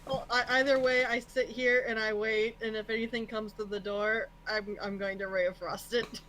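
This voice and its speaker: A woman playing in a tabletop game, calm and matter-of-fact. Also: on the high side, moderate pace, rough recording. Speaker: player. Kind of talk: casual game table chat.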